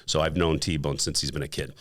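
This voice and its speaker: A man in his fifties, a podcast guest, telling a story in a casual, animated way and acting out the quotes. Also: very deep voice, a little fast. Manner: animated, acts out quotes with laughs.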